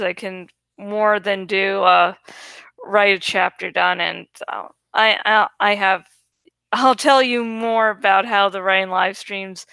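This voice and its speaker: A woman host with a medium-pitched, bright, forceful and smooth voice chats casually to camera, swearing freely and laughing between remarks even though she isn't feeling fully well. There's no room sound.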